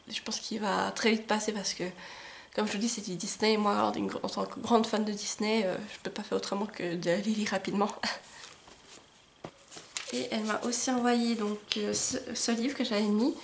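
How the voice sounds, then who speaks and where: A young woman chats enthusiastically to camera at home about books she received as gifts, pausing often on "euh" and laughing a little. Her medium-pitched, gravelly voice has fairly even intonation, recorded on a camcorder microphone.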